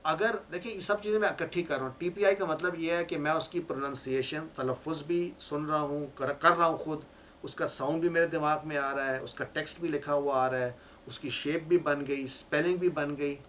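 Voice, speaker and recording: Man explaining slowly in a lecture. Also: a little high, fairly even intonation, a bit bright, a little hiss or hum. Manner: explanatory, repeats key words for learners. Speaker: teacher. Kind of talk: classroom lecture.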